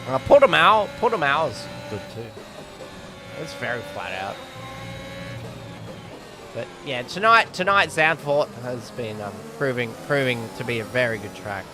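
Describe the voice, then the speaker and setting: A man's voice: medium pitch, very animated, a little slow, pauses often, music in the background. A man giving casual, rambling live commentary on a sim race, often correcting himself.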